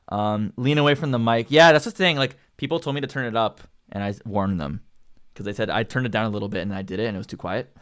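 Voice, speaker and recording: Speaking quickly in a smooth, lowish voice with a slightly bright edge, this young singer and channel host has a Canadian accent. His casual livestream talk about how his vocals are improving meanders, loaded with filler words like "like" and "um."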